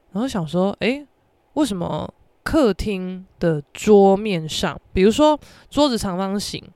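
A woman podcast host, telling a story in a casual, animated, profane way. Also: lowish voice, no room sound. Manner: animated, profane, acts out quoted voices.

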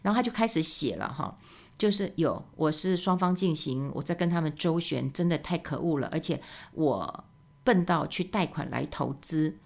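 A woman hosts her own podcast in a casual, rambling monologue. Her voice sits fairly low and has a gravelly, fry-touched texture. She keeps the talk loose and chatty, sprinkling in tag particles and fillers. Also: moderate pace. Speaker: podcast host.

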